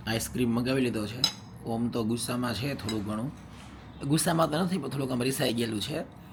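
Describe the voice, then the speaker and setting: A man's voice: medium pitch, fast talker, noisy background. A young man vlogging at home as a husband, chatting casually and teasingly with viewers and laughing often. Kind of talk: casual vlog chat to viewers.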